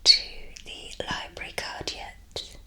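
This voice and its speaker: A woman doing a whispered role-play as a polite, helpful librarian, unhurried and reassuring. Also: bright, forceful tone. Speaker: ASMR performer playing a librarian.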